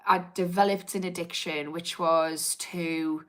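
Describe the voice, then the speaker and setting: Her lowish voice holds a steady tone at a measured pace. This English addiction therapist, Geordie-accented with a slightly posh twang, chats candidly on a casual livestream, reading out and responding to what viewers write.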